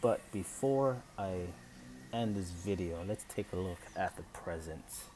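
In a home room with a Christmas tree, a man who is a channel host and father of three hosts a casual unboxing vlog, thinking aloud in an unsure, chatty way. His voice is low-pitched, a little slow and dark in tone. The phone camera recording carries a little hiss or hum.

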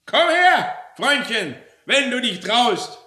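A man's voice: expressive, normal speed. A man voicing a feisty elderly woman who is bossy, indignant and relentless, reading a story aloud in a roomy space. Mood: furious. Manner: shrill, scolding, loud and pushy. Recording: roomy echo.

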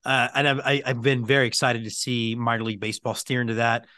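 A man's voice: mid-range voice, flat delivery, quick pace, bright, forceful tone, dry recording. A man hosting a baseball podcast, joking and playing down his own bits while he interviews a guest. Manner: jokey, self-deprecating. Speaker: podcast host. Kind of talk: casual interview chat.

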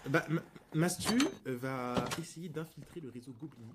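A man's voice: mid-range voice, normal speed. A man improvising a game role-play in conversation, politely and wordily explaining with some hesitation. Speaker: player acting as a police officer in a game role-play. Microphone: online game voice chat. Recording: clearly noisy voice chat with clicks.

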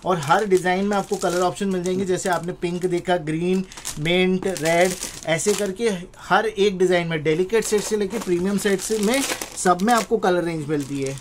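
Indian man giving an emphatic sales pitch. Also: normal speed, noisy background. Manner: repetitive, emphatic selling patter.

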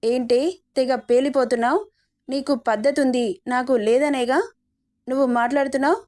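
A woman's voice: high-pitched, fairly even intonation, normal speed, darkish tone, lightly acted. Woman reading as a domineering young man. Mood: taunting. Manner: taunting and threatening.

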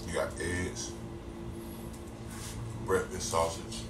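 A man's voice: deep voice, fairly even intonation, drawn-out words, distant mic. A man listing pizza toppings in a laid-back, plain-spoken way while chewing with his mouth full. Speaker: food reviewer. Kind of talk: casual food review vlog. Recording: echoey room, off-mic, loud ambient noise. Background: loud room noise.

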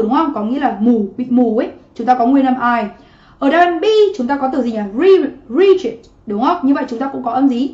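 A woman teaching a livestream exam-prep lesson from her home office, chatty and constantly asking students to comment. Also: fairly high pitch. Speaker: English teacher. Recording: muffled roomy livestream audio.

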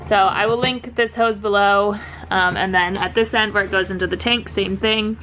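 Inside the bus she's converting, a young woman vlogger walks through plumbing in a practical DIY how-to, going step by step and often saying "um." The low-quality recording carries her mid-range voice, steady in tone and moderate in pace, with music in the background.

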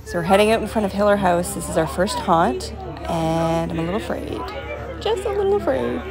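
A woman's voice: medium pitch, expressive, fairly quick. A woman talks in a chatty, upbeat vlog manner into a phone held at arm's length. She is outdoors at night, with faint music somewhere behind her. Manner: chatty, upbeat selfie commentary. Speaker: real estate vlogger. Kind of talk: casual vlog tour. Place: outdoors at night at a farm attraction.

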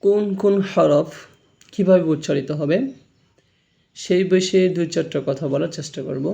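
A man's voice: a little high, normal speed, vocal fry, dark tone, dull audio. A man teaching a Quran reading lesson, explaining how letters are pronounced and repeating each sound for learners to copy. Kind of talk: slow spoken lesson on letter pronunciation.

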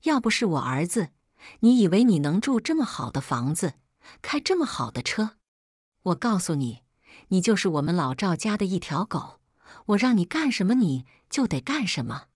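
A woman's voice: on the low side, sing-song, normal speed, darkish tone, slightly rough, no echo, clean studio sound. Woman reading as a scornful, domineering mother-in-law. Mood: berating. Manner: sarcastic, scolding.

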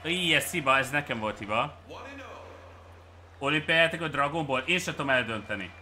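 A Hungarian man streaming a game with viewers, cheering and shouting at plays and then muttering to himself. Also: medium pitch, lively intonation, slight background noise. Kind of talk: excited live game commentary.

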